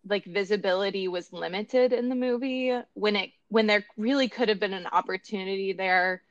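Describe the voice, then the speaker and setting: A woman talks through a film in a relaxed chat, feeling her way with "like" and "um" and restarting her thoughts. Her voice sits in a middle register. The sound is dry and close, with no room around it. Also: mid-range voice, normal speed, no echo, highs cut off. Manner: hesitant, many fillers and restarts. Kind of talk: casual film discussion.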